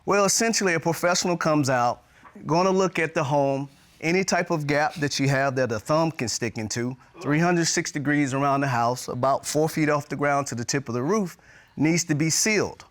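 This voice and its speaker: A man's voice: a little high, moderate pace, fairly bright tone. A middle-aged man giving explanatory testimony as an expert witness.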